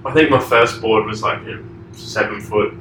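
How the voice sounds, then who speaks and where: A man's voice: on the low side, normal speed, a bit bright. Australian man, thirties, laid-back rambling talk, echoey distant room recording, faint background noise. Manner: laid-back, trailing filler-heavy answers. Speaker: surfboard shaper, interview guest. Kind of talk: casual conversational interview. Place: echoey shaping room indoors.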